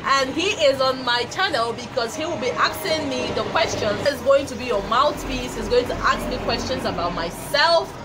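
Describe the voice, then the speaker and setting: Giggly nigerian girl, high voice, chatting on camera with music under it. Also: expressive, moderate pace, hardly any pauses. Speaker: YouTuber host. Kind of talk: casual chat. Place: small indoor room before a patterned cloth.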